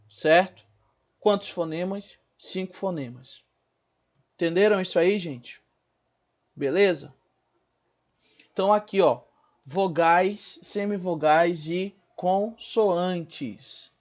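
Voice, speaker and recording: A man teaching a recorded school lesson, spelling out sounds one by one and asking his students questions as he goes. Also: sits high. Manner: explains slowly, spells out sounds and asks the class questions.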